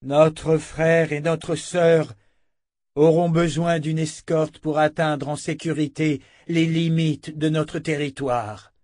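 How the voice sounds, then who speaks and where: A man voicing a grave elderly village father who speaks slowly and solemnly. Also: fairly high pitch, level tone, darkish tone, no echo, studio quality, voice pushed up. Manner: slow, solemn delivery.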